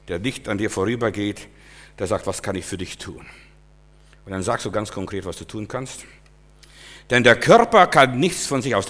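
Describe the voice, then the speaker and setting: In a fairly low, bright and forceful voice, a preacher delivers an impassioned sermon. He swells into loud, emphatic bursts, then drops to almost a hush, pressing each point directly on his listener.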